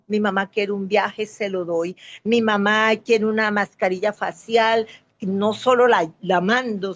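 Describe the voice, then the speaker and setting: Candid woman sharing her recovery. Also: mid-range voice. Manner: candid, emotional, quoting others vividly. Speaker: Alcoholics Anonymous speaker. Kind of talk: personal testimony talk. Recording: slightly dull lo-fi sound.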